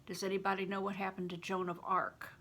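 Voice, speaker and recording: An older woman, a grandmother, reads a story aloud and talks it through in an informal, explanatory way, posing questions to her listeners. Her mid-range voice is level in tone, fairly bright, and fast.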